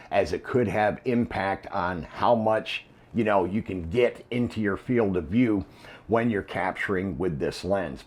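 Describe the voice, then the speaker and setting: A man unboxing and reviewing a camera lens, explaining in a relaxed way with frequent ums and uhs. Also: on the low side.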